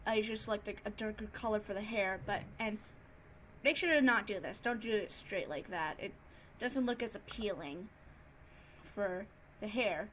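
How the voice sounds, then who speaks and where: A woman narrating an improvised tutorial in a casual, subdued and somewhat monotone way. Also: mid-range voice, moderate pace, a little hiss or hum. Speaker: tutorial host, digital artist.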